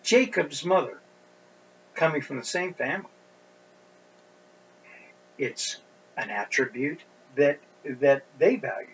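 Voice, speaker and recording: A middle-aged man preaching an expository sermon as a pastor, speaking deliberately and pushing up his voice on stressed points. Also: fairly high pitch, lively intonation. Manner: deliberate, with emphatic rising stresses. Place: church sanctuary. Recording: dull lo-fi recording with faint hum.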